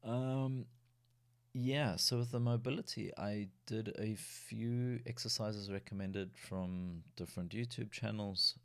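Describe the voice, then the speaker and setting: A man's voice: fairly low pitch, steady tone, slow, vocal fry, smooth, no room sound. A man talking casually and at length in a diary vlog, rambling with frequent restarts. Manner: rambling, with many restarts and yawns. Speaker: vlogger. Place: lives in a city in Germany.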